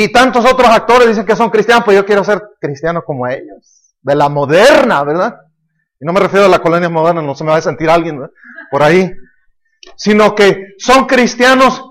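Pastor, very high voice, emphatic sermon delivery, asks the congregation questions. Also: male voice, fairly bright tone.

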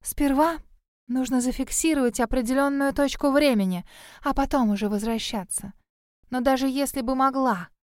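A spiteful, gossipy spirit girl from a storybook, who lives in a well and talks high and sly, as a woman reader puts her on. She is scornful and quick to mock, recorded dry and close. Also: dry recording, natural voice. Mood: haughty. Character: mocking gossipy female spirit living in a well.

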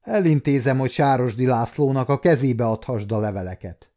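A man's voice: mid-range voice, mellow, natural voice. An adult man voicing a scheming, domineering nobleman who speaks in a commanding, mocking way. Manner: commanding, sneering.

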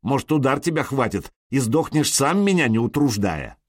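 A man's voice: medium pitch, very animated, moderate pace, dry recording, studio quality. A man voicing a hot-tempered young male warrior who hurls taunts and insults in an audiobook. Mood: mocking. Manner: fierce, taunting, shouts insults. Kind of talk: audiobook character voice.

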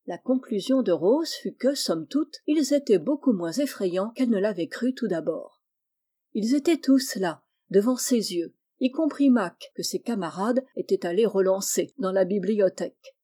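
Woman, audiobook reader, storybook narration, warm dark tone, livelier for children's dialogue. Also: mid-range voice, expressive, moderate pace.

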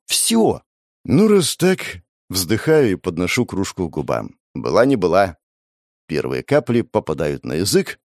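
A man telling a first-person audiobook story in a low voice with plenty of rise and fall. His tone stays dry and wry, grumbling at what happens to him. The recording is close and dead, with no room sound. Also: a little mellow, no room sound. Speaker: audiobook narrator.

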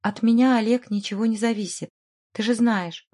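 Woman reading a sly condescending businessman guy, hushed scheming tone, storybook style. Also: fairly high pitch, steady tone, normal speed, close to an everyday voice. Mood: dismissive. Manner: condescending, conspiratorial. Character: scheming smooth-talking middle-aged male businessman. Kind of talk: audiobook character voice.

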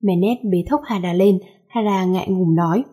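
A woman reading a romance story aloud in a steady, even narrating voice. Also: lowish voice, normal speed, slightly rough.

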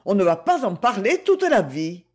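A woman's voice: mid-range voice, sing-song, moderate pace, a little mellow, slightly rough. A woman voicing a curt, worldly old aunt. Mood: dry. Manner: dry, curt. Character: sharp, worldly older aunt.

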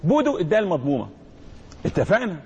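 Husky high-voiced Egyptian Quran teacher. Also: male voice, sing-song, highs cut off. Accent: Egyptian Arabic. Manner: drawn-out demonstrative recitation, quizzing students. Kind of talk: tajweed lesson with call-and-response.

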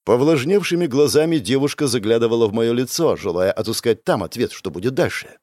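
A man's voice: medium pitch, lively intonation, fairly quick, darkish tone, no echo, clean studio sound. A man narrating a first-person fantasy audiobook in a tense, dramatic way.

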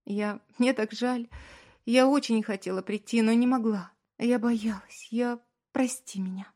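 A woman's voice: deep voice, flat delivery, a little fast, a little mellow, lightly acted. A woman reading an audiobook, voicing a young wife who is crying, speaking in a choked voice that keeps breaking into whispers. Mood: tearful. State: crying, sobbing. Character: tearful young wife, fragile and guilt-ridden.

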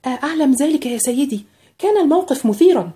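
An anxious young maid, put on by a woman narrator, high-pitched and urgent. She talks earnestly, as though she can barely hold her feelings back. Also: expressive, fast, dark tone.

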